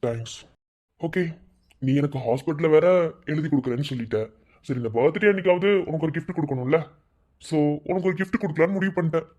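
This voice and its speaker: A man voicing a calm male rival who gives earnest advice in a low, measured way. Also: close to an everyday voice.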